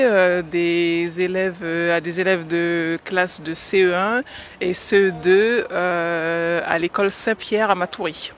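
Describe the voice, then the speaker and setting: A woman from French Guiana in her forties, answering radio interview questions about teaching with hesitant pauses and many fillers. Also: on the low side, slight background noise. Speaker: guest, educator.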